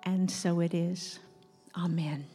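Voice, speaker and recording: A woman leading a meditative prayer in a church, speaking softly and calmly. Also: on the low side. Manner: slow, soft and calm. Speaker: prayer leader. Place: church sanctuary. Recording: long hall reverb with soft instrumental music.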